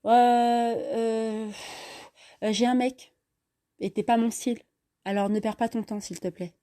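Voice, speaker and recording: A woman's voice: fairly high pitch, level tone, measured pace, mellow, pitched above the performer's own voice, natural voice. Woman doing a blunt, huffy young woman. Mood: dismissive. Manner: exasperated, sighing. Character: young woman student, blunt and quick-tempered. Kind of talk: storytelling voice acting.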